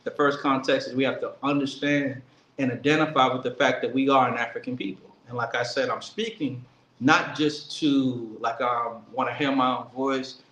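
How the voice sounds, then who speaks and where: A man's voice: medium pitch, fairly even intonation, fairly bright tone, lo-fi sound, slight background noise. Earnest man giving an echoey speech. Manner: earnest, emphatic, slows down to stress key words. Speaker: speaker at a commemoration event. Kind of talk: political speech. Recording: echoey room with faint ambience.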